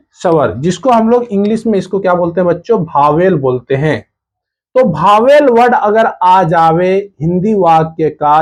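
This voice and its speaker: A man teaching a grammar lesson to children, asking them questions and answering them himself, repeating the key words again and again. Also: high voice.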